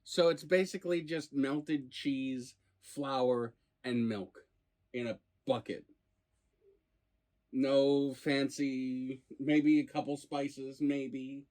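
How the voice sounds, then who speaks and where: A man's voice: medium pitch, fairly even intonation, slow, a little mellow. A man hosting a food review in casual chat, probing with playfully incredulous questions. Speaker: food review show host.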